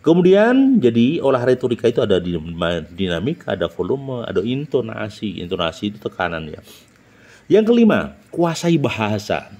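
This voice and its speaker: Pria berlogat Jawa, suara agak rendah dan sangat ekspresif, gaya guru yang memberi tips berbicara di depan umum. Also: male voice, very animated, moderate pace, a little mellow. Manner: emphatic, jumps up in pitch to announce each numbered point; rhetorical questions, frequent "nah" and "ya". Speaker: public speaking teacher. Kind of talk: instructional talk.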